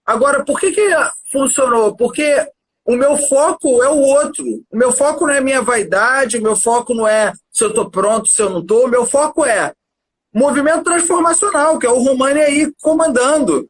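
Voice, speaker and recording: A man chatting as a guest on a livestream, telling a story in an animated, casual way and often addressing the listener as "cara". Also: very high-pitched, normal speed, a little hiss or hum. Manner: animated, keeps saying "cara".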